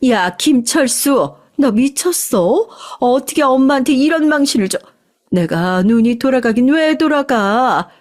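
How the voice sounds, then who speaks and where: A woman voicing a rude, snobbish middle-aged mother-in-law who insults and shouts. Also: mid-range voice, normal speed, lightly acted. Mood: outraged.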